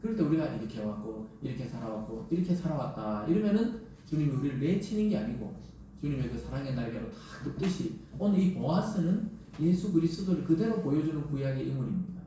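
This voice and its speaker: A man's voice: fairly high pitch, animated, quick pace, mellow, a little hiss or hum. A man preaching a Sunday sermon as pastor, telling the story vividly and acting out the voices of scripture. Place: church sanctuary. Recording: echoey church hall, distant mic.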